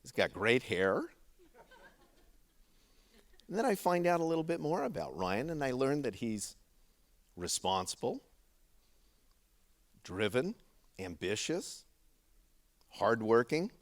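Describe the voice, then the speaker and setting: A middle-aged man giving a heartfelt father of the bride speech to wedding guests, in deliberate, paused phrases. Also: mid-range voice, sing-song.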